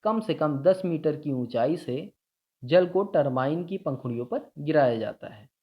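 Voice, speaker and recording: A man's voice: a little high, expressive, unhurried. Man teaching a science lesson, lo-fi sound. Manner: explains step by step with checks like "ठीक है" and "देखिए". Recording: dull lo-fi sound.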